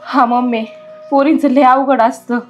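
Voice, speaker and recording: A woman playing a married daughter, speaking softly and sorrowfully. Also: high voice, steady tone, a little slow, faint music behind. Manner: sorrowful, soft-spoken. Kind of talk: village comedy sketch acting.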